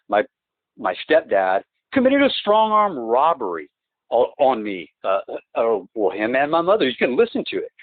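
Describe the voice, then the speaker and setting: Halting man over a tinny phone line. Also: fairly low pitch, no echo. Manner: halting and rambling, many restarts and repeated words; insistent, emphatic complaints. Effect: heard through a phone line. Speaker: client on a phone call. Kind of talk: phone conversation.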